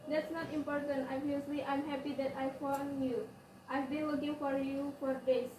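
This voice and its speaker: A young woman plays a determined young prince with an Indonesian accent in a school drama, her voice high and urgent. It is recorded from a distance in an echoey room over a noisy background. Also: little pitch movement, moderate pace, lightly acted. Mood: relieved.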